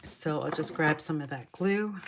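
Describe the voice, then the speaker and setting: A woman's voice: deep voice, normal speed, noisy background. A middle-aged woman chatting her way through a paper craft tutorial, talking to herself as she works. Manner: chatty, talks to herself while working. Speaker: papercraft demonstrator.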